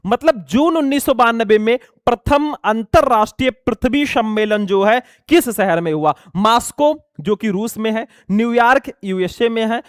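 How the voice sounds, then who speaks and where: A young man teaching an exam lesson loudly, almost shouting as he goes through multiple-choice questions and calls the students kids and brothers. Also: very high voice, dry recording, clean studio sound. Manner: loud, near-shouting delivery; addresses students as bachelon and bhaiya.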